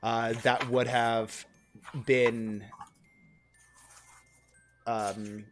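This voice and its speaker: A man running a tabletop game on stream, talking through the scene in loose, rambling descriptions. His voice sits at an ordinary middle pitch. Faint music plays underneath. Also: flat delivery, very slow. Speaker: game master.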